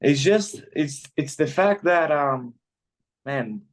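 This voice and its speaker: A man's voice: a little high, animated, takes it slowly. A man in his twenties from Greece, chatting easily as a guest in an interview and often adding "you know". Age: 20s. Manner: laid-back, peppers speech with "you know". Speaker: guest fighter. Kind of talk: casual interview chat.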